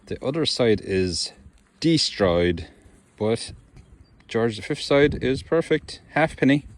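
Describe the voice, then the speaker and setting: Out in a wet, windy open farm field, a middle-aged man talks chattily to his viewers while digging with a metal detector, giving casual outdoor commentary. His voice is medium-pitched with lively intonation, and he speaks slowly.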